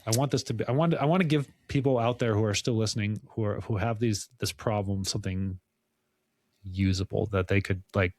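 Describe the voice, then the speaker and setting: A man hosting a podcast, asking halting, probing questions in casual conversation. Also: on the low side, a little mellow, no room sound. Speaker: podcast host.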